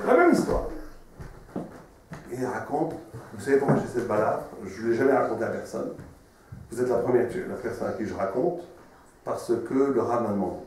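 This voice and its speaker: Rabbi in a very echoey room. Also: male voice, mid-range voice, slight background noise. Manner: expressive storyteller, repeats words and phrases. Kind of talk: storytelling sermon. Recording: very echoey room, mic far off.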